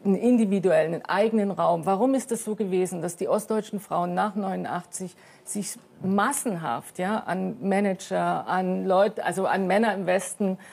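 Gravelly-voiced woman, hesitant guest. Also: mid-range voice, moderate pace, a little mellow. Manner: thoughtful, hesitant, many fillers. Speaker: talk show guest. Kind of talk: studio discussion. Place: TV studio.

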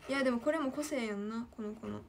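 A late-teen idol livestreamer from Kyoto, Japan, chats away to herself and her viewers in Kyoto Kansai dialect while she draws, even calling herself by name. Her voice is a little high and fast with vocal fry, and there's slight background noise.

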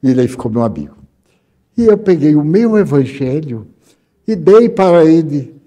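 An older Brazilian man tells stories in a lecture, his voice a touch higher than most men's yet soft and mellow. He brings anecdotes to life with lively shifts of voice. His delivery is warm and expressive. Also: moderate pace. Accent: Brazilian Portuguese. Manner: animated, acts out dialogue with lively voice shifts. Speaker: spiritist lecturer. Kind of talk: storytelling lecture.

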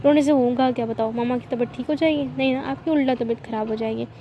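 A woman's voice: a little high, steady tone, quick pace, a little hiss or hum, natural voice. A woman voicing a caring, playful young woman who coaxes and teases, in a dull lo-fi recording. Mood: coaxing.

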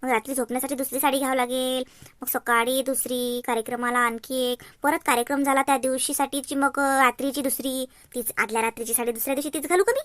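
A woman's voice: sits high, steady tone, quick pace, a bit bright, no room sound. A woman playing a fussy, chattering young wife with a Varhadi Marathi accent in a cartoon.

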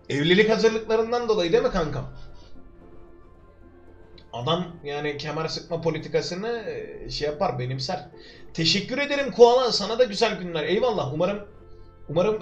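The audio is dull as a young Turkish streamer, voice sitting high, narrates his game live from home through a desk microphone. Soft music runs faintly behind him while he chats with viewers and amuses himself with jokes.

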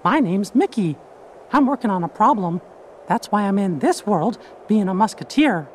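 Mickey, falsetto cartoon mouse. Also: male voice, lively intonation, moderate pace, slight background noise. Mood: earnest. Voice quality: falsetto squeak. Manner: earnest, upbeat. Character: cheerful high-voiced cartoon mouse king, adult male. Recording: game audio with music behind.

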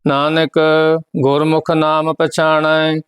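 Guy chanting scripture for a lesson, real slow, pretty high voice, super clear. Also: monotone, fairly bright tone. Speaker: scripture teacher.

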